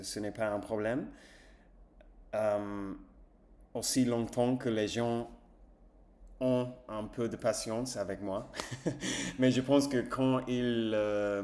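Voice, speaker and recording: Man, English accent, native English speaker, casual vlog chat, hesitant, self-correcting, slow-paced, lowish voice. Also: a little mellow. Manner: hesitant, many fillers and self-corrections while searching for words. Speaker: language-learning vlogger. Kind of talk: casual spoken French practice to camera.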